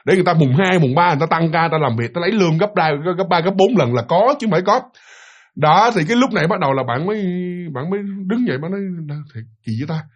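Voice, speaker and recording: Husky-voiced man telling a ghost story. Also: high-pitched, expressive, racing, muffled recording. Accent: Southern Vietnamese. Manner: addresses listeners as "you", acts out sounds. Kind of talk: casual spoken ghost story.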